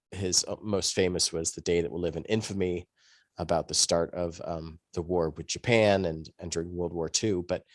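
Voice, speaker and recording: A deep-voiced man talks as a podcast panelist, explaining things in a loose, rambling way during a conversational discussion. The studio-quality recording has no echo.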